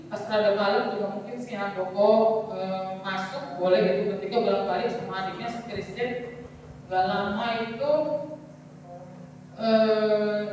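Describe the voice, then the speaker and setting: A woman's voice: mid-range voice, darkish tone, a little hiss or hum. Young woman, personal testimony, rambling storyteller who acts out quotes; distant, very echoey church hall. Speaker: testimony speaker at a youth service.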